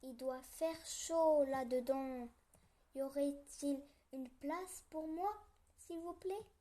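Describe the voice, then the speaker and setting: Woman doing big polite bear, slow and courteous, storybook. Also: high voice, mellow. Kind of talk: children's story reading.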